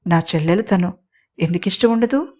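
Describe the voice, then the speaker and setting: A woman's voice: on the low side, brisk, a little mellow, close to an everyday voice. A woman voicing a reserved young man who teases his sister and speaks tenderly to the woman he loves. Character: young man, reserved elder brother and gentle lover.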